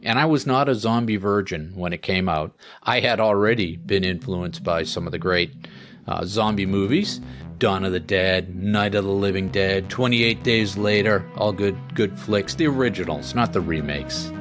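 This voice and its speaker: Host: tired man, low-ish voice, rambling jokey chat, music bed underneath. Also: moderate pace. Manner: rambling, joking asides. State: tired after a late flight. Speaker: podcast host. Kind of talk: casual chat.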